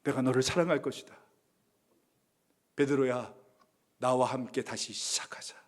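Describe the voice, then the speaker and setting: A man voicing Jesus in a sermon retelling, speaking to a fallen disciple with soft tenderness that grows into earnest assurance. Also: medium pitch, steady tone, moderate pace, pitched below the performer's own voice, close to an everyday voice. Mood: tender.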